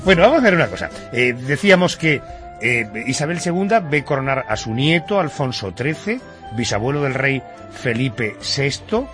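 A man's voice: medium pitch, very animated, moderate pace, a bit bright, faint music behind. A man, interviewing a history professor, asking questions and summing up facts. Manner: asks questions, sums up facts.

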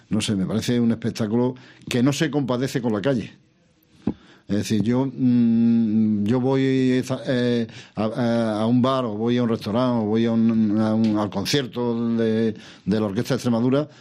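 An older man answering interview questions about politics in a measured, reflective way, pausing and restarting, asking himself questions. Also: mid-range voice, fairly even intonation, mellow. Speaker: interview guest, former regional president.

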